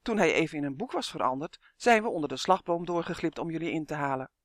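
A man's voice: fairly high pitch, fast talker, fairly bright tone, no echo, lightly acted. An earnest young boy, as a male narrator puts him on, eager and breathless, in a raised, youthful voice. The reading is recorded close and dry. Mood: explaining.

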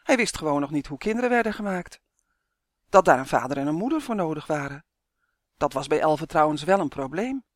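An audiobook narrator reading a children's fantasy story in a steady, clear way that livens up in tense moments. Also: mid-range voice, fairly quick, dry recording, studio quality.

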